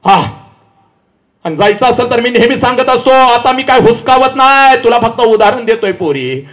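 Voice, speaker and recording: A man giving an impassioned public lecture to a live audience. He shouts, pleads and scolds his listeners directly. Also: extremely high pitch, expressive, moderate pace. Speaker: public speaker addressing an audience. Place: live event before an audience.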